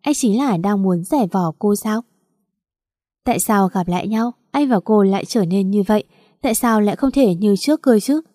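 A woman narrating a romance story as a scripted audiobook reading, in an even, unhurried manner. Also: medium pitch, no echo, clean studio sound.

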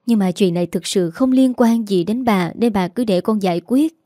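Woman doing meek young daughter-in-law, soft, polite, dry close sound. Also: medium pitch, normal speed, dry recording, lightly acted. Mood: gentle.

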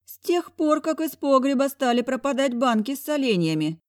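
A woman voicing a dramatic, excitable older woman in an audiobook. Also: sits high, moderate pace, pitched above the performer's own voice. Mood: aghast.

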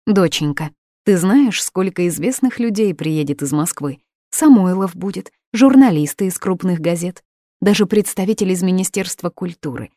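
A woman's voice: lowish voice, expressive, normal speed, warm tone, no room sound, studio quality, voice pushed up. A woman voicing an anxious, doting middle-aged mother who fusses and pleads affectionately.

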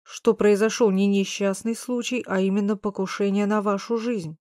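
A woman's voice: medium pitch, steady tone, normal speed, dark tone, no echo, studio quality, lightly acted. Blunt, puzzled male investigator, read by a woman. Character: flustered male police investigator, slow-witted and blunt. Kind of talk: audiobook dialogue reading.

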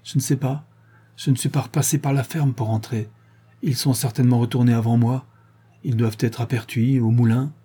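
A man's voice: mid-range voice, steady tone, brisk, dark tone, slightly rough, close to an everyday voice. A man voicing a wounded farmhand who sounds weak and shaken and pleads for help. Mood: weary. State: weak and injured. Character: wounded, desperate male farmhand.

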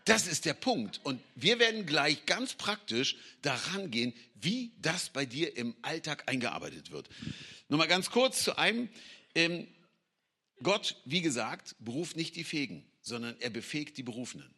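A middle-aged man preaching an energetic sermon, acting out quotes and sometimes shouting. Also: fairly high pitch, moderate pace, husky. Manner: animated, acts out quotes and voices, sometimes shouts.

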